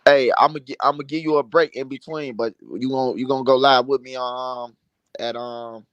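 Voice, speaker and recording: A man hosts a casual livestream in an average-pitched voice. The sound is very dry, with no room around it. He talks in loose, slangy street speech, full of swearing, like someone swapping stories. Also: steady tone, normal speed, fairly bright tone, clear, resonant tone, no echo, muffled recording. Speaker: livestream host. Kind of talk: casual livestream chat and storytelling.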